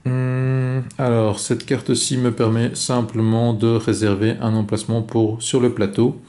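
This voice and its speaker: A man calmly talking through his own board game turn, explaining each card and move step by step. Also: medium pitch, measured pace. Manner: calm, methodical, explains each move aloud. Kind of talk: solo board game playthrough commentary.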